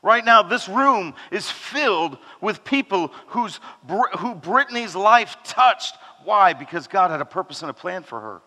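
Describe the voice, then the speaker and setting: A man preaching a sermon to his congregation in a conversational way, asking rhetorical questions and dropping low and soft when he speaks God's words. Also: sing-song, measured pace, few pauses. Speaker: pastor. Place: church hall. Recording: long hall reverb.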